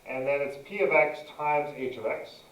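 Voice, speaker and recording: A man's voice: on the high side, moderate pace, fairly bright tone, reverberant, highs cut off. A man teaching a math lesson, dictating each entry step by step as he narrates a calculator demonstration.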